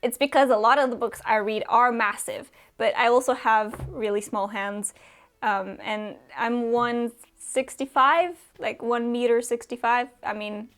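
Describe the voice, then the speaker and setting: Answering questions from her viewers, a young Romanian booktuber keeps things relaxed, with frequent fillers and small laughs. Her fairly high voice is a bit bright, and she takes her time.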